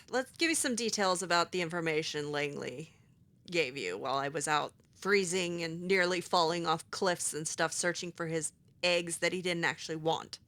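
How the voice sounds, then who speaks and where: While playing a video game, a woman voices her own character in sarcastic, hesitant roleplay packed with fillers. Her voice is on the low side and fairly bright, at a moderate pace.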